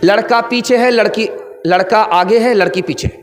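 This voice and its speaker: A man preaching a sermon at a religious gathering, telling stories that build to shouted emphasis. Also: high voice, a faint crowd, slight background noise. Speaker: Islamic preacher. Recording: long reverb of a big venue.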